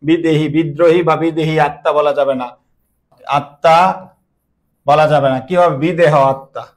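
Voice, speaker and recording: A man's voice: a little high, fairly even intonation, moderate pace. A young man teaching an online class, repeating words emphatically and quizzing his students with questions.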